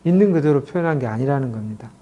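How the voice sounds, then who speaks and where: The audio cuts off the highs on this medium-pitched, expressive male voice. He is a middle-aged clinic director lecturing on communication, explaining slowly and acting out lots of example quotes.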